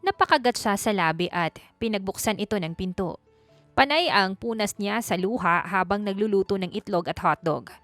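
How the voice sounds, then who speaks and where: A woman narrating a romance story in a steady, even storytelling delivery. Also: medium pitch, moderate pace, no room sound, soft background music.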